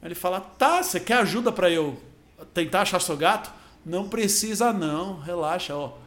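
A man's voice: high voice, animated, moderate pace, fairly bright tone. A man with a Brazilian accent in casual comedic chat, emphatic and repeating phrases as he tells and explains jokes.

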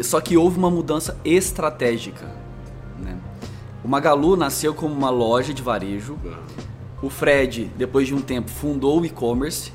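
Storytelling man with interior São Paulo accent. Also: mid-range voice. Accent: interior São Paulo, rolled caipira R. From Brazil, Minas Gerais, raised in interior São Paulo. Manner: animated storyteller, long flowing anecdotes. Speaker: marketing executive guest. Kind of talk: conversational storytelling.

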